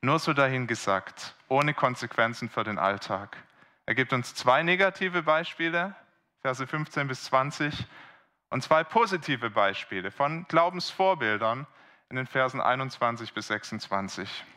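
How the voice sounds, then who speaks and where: Bright-voiced German preacher man. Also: medium pitch, lively intonation, normal speed. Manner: earnest, explaining, rhetorical questions to the congregation. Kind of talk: sermon.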